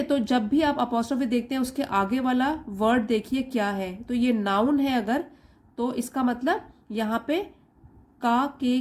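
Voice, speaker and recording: A woman teaching an English reading lesson, reading English slowly word by word and explaining each part briskly. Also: a little high, darkish tone.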